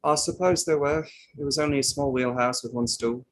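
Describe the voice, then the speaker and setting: Voicing a plain-spoken riverboat crewman in a table read of a play about an inquiry, a man testifies in a firm, matter-of-fact manner. His pitch is typical for a man, his replies insistent and somewhat defensive, fairly quick and lightly acted.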